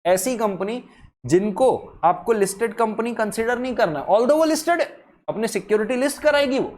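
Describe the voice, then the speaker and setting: A man teaching an exam-focused law lecture in a brisk, emphatic way, mixing in English terms. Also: high voice, animated, darkish tone, slight background noise.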